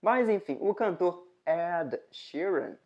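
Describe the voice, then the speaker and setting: A woman from Brazil with a Brazilian Portuguese accent, teaching in a casual video lesson, explaining step by step and slowly repeating example words. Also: fairly low pitch, expressive, a little mellow, highs cut off. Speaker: English teacher.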